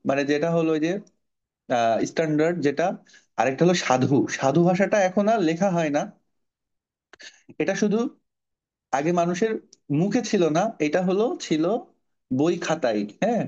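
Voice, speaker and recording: A man's voice: fairly high pitch, expressive, moderate pace, long pauses, a little mellow. A male teacher leading a class, quizzing his students and patiently explaining each point. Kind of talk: online class lecture. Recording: dull lo-fi audio.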